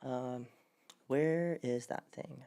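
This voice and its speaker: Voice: mid-range voice, drawn-out words, mellow. A host of a casual livestream podcast, playful and hyped, laughing often and joking with the crew.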